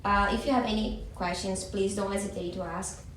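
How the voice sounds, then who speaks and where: A woman's voice: mid-range voice, steady tone, a little fast, fairly bright tone. Young woman, student moderator, hesitant ums, echoey room, distant mic. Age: young adult. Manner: frequent ums, reassuring. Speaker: focus group moderator. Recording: echoey room from far off, background noise.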